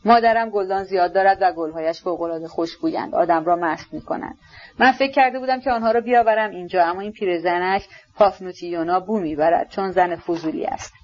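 A woman reading aloud, voicing a tense, brooding grown man in shock who talks hushed and then wildly. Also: lowish voice, muffled recording, natural voice. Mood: secretive.

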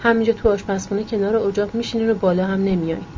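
A woman reading a stern hushed mother. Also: mid-range voice, fairly even intonation, muffled recording, a little hiss or hum, close to an everyday voice. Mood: scolding. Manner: scolding in a hushed voice. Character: stern, harried mother of two children.

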